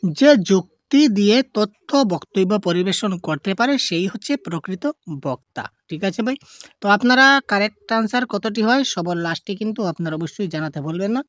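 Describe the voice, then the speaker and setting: In an online exam-prep session, an animated woman with a mid-range voice reads out multiple-choice questions, slowly drawing out each option. She then answers them herself in quick succession, using some English terms. The studio-quality audio has no echo.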